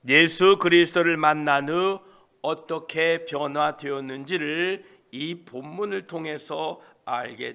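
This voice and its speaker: A man preaching an early-morning prayer sermon as pastor, slowly expounding and reading scripture aloud. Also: fairly high pitch, gravelly, bright, forceful tone, clear, resonant tone. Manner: slow, deliberate Bible exposition with scripture reading.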